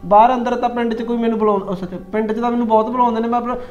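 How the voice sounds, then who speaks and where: A man's voice: very high voice, flat delivery, very fast, darkish tone. A young man playing a joking husband who wheedles and pleads to win over his sulking wife. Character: coaxing young village husband. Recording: echoey, slightly muffled.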